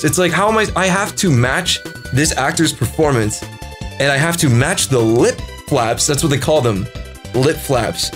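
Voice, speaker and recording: Animated man telling stories over music. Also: mid-range voice. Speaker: voice actor, video host. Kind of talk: casual comedic storytelling to camera. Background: background music.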